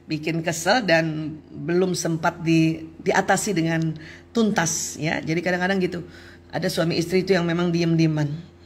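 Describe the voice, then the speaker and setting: A woman's voice: fairly low pitch, slight background noise. A woman in her fifties giving a religious parenting talk, telling stories with laughter and murmured prayers. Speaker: parenting speaker.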